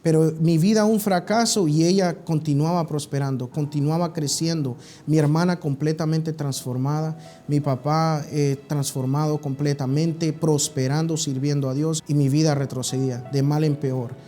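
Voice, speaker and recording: A man from Honduras, giving an earnest personal church testimony, halting and restarting as he goes. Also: on the high side, fairly even intonation, dark tone, soft background music.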